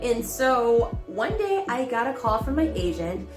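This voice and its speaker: A young adult woman casually telling a personal story, animated, laughing often and acting out quoted lines. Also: fairly high pitch, a little slow, reverberant, over music.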